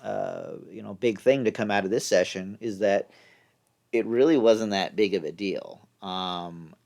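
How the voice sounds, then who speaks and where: Low-voiced man, halting casual vlog narration. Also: vocal fry, a little mellow. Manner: halting, thinking aloud in pieces. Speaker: vlogger. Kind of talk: casual narrated session recap.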